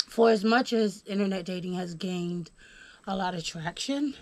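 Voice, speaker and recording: With no room sound, a woman's mid-range voice comes through at normal speed as she hosts a casual podcast. She is from Houston, Texas, slightly under the weather, and relaxed, reading from notes with lots of ums and fillers.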